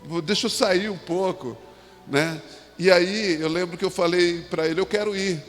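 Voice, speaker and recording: A man with a Brazilian Portuguese accent preaching a sermon as a pastor in a church, talking in a halting way with restarts and asides. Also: sits high, fairly bright tone. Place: church sanctuary. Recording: long hall reverb.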